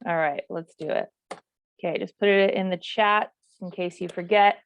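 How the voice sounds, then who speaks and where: A woman's voice: lowish voice, normal speed, clear, resonant tone. A woman in her thirties from New Mexico, a volleyball coach leading a class over a video call, talking casually with many fillers. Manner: relaxed and chatty, with many fillers. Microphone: video call mic. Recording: dull, lo-fi call audio.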